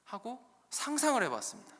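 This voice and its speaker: A man preaching a humorous sermon to his congregation in a church sanctuary, lively and playful. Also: extremely high pitch, a little fast. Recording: long echo of a church hall.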